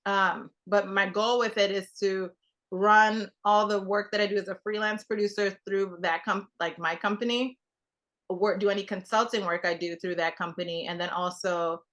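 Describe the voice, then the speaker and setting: In casual guest conversation, a young Trinidadian television producer rambles, filling gaps and restarting often. Her voice sits mid-range with fairly even intonation, a normal speed and a fairly bright tone.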